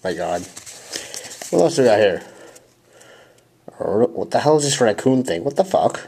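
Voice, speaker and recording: A man's voice: mid-range voice, sing-song, unhurried, mellow. A young man hosting a casual unboxing at home, talking offhandedly as if half to himself. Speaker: video host opening card packs. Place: indoors at a table at home. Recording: noisy home recording, wrapper crinkling. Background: crinkling packs, clicks, clear noise.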